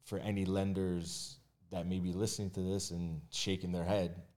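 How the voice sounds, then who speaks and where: A man with a very low voice talks things through in an easy podcast chat. He is candid and relaxed, and he often restarts his sentences and fills the gaps with "uh" and "you know.". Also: moderate pace. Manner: candid, conversational, with frequent fillers and restarts. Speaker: mortgage agent and realtor guest. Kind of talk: casual podcast conversation.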